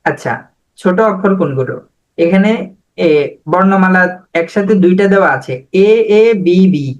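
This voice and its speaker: High-voiced man teaching an online class. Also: poor audio. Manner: patient, repeats words slowly for drilling. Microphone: video call.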